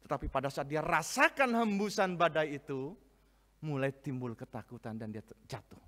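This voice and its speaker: A man preaching a sermon, swinging from soft asides to loud, emphatic reading of scripture. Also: a little high, expressive, moderate pace. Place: church hall, live-streamed service. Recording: long reverb of a church hall.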